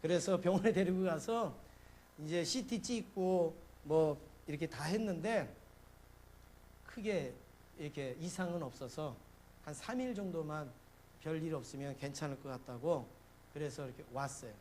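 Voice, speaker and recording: Middle-aged pastor preaching a lively sermon. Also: male voice, fairly high pitch, moderate pace, a little hiss or hum. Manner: storytelling with sudden loud bursts when acting out his panic. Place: church sanctuary.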